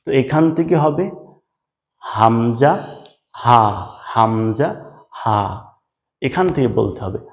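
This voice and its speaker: Speaking slowly and pausing often in a mid-range voice, a Quran recitation teacher patiently drills letter-sound pronunciation one step at a time. He repeats sounds, has the listener say them back, and addresses the viewer as brother. The sound is lo-fi.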